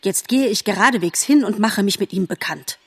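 A woman's voice: medium pitch, fairly quick, breathy edge. A woman voicing an earnest young male deer who soothes his mate and tries to act brave, in a storybook reading. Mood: resolute. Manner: coaxing, earnest.

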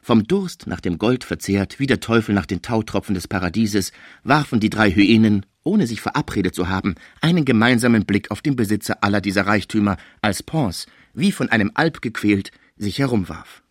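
Lively male audiobook narrator. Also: on the low side, normal speed, no echo, clean studio sound. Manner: lively, expressive reading. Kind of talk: scripted narration.

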